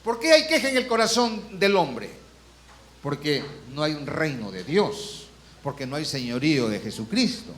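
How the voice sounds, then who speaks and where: A man's voice: fairly high pitch, sing-song, fairly bright tone, a little hiss or hum. A man, a pastor, preaching a sermon to his congregation, asking frequent rhetorical questions and acting out complaining voices. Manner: acts out complaining voices in quotes; slows down and rises on emphatic Bible quotations. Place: church.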